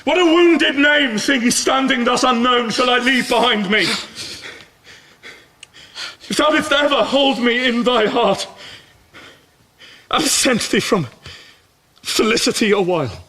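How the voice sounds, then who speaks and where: An actor playing a poisoned, dying young prince in a classical Shakespearean drama, speaking in a halting, weakening deathbed manner. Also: male voice, very high voice, pushed and bright, full character voice. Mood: anguished pleading. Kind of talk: classical Shakespearean stage acting.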